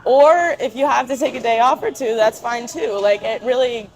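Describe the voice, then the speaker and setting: A young woman with a fairly high voice talks in a casual interview. Her phrasing is informal and youthful, with frequent fillers as she shares her thoughts as a guest. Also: moderate pace, darkish tone, poor audio. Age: young adult.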